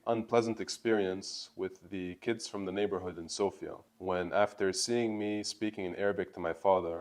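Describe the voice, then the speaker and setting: A man's voice: low-pitched, moderate pace. A man in his twenties from Bulgaria, hosting his own channel and telling a personal story to camera in a candid, earnest way. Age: 20s. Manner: earnest, candid, lively emphasis on key words. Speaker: YouTube channel host.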